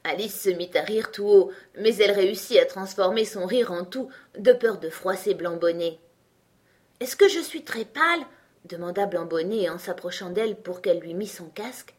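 A woman narrating a children's storybook in a gentle, measured, soft-spoken way. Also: lowish voice. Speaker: audiobook narrator.

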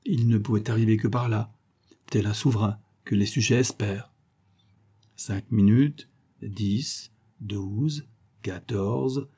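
A man reading a detective novel aloud in a measured storytelling manner. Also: fairly low pitch, mellow, slightly rough. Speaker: audiobook narrator. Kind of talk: scripted narration.

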